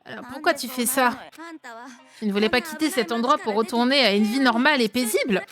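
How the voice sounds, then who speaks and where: A woman with a French accent voicing a sharp-tongued, prickly young woman, reading game lines on stream. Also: fairly high pitch, brisk, natural voice. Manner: snappish and scornful.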